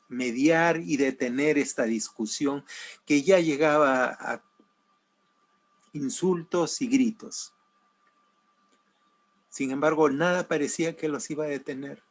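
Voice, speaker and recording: A man preaching a sermon, telling a story slowly, his voice swinging between raised emphasis and hushed, soft passages. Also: medium pitch. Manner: slow, dramatic swings between loud and hushed. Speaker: pastor.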